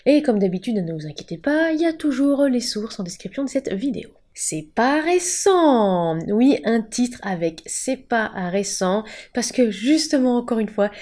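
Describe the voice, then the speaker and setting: A woman's voice: a little high, mellow. A woman hosting a casual explainer video, with a playful, theatrical emphasis. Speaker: YouTube host.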